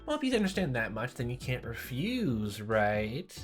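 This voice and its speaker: A man's voice: mid-range voice, huge pitch swings, moderate pace, faint music behind. A man voicing a boisterous teenage girl who leads a game club and bosses her friends around. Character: bossy, loud teenage girl club leader.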